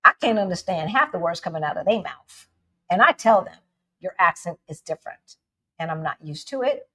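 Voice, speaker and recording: An American woman co-hosts a livestream with a fairly low voice and a slightly fast pace. She's casual and energetic, laughs a lot, and calls her viewers "y'all."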